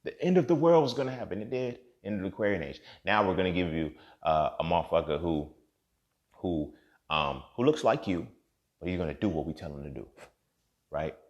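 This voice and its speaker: A man in his thirties giving a profane, impassioned monologue as a podcast host, swinging from low muttering to loud outbursts. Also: expressive, brisk, highs cut off. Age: 30s.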